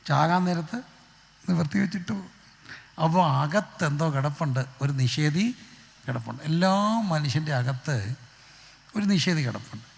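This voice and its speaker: Gravelly Malayali preacher asking questions. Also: male voice, a little high, normal speed, pauses often, in a large hall. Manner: animated, asks the crowd questions. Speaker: pastor. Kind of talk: open-air gospel sermon. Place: outdoor street gathering.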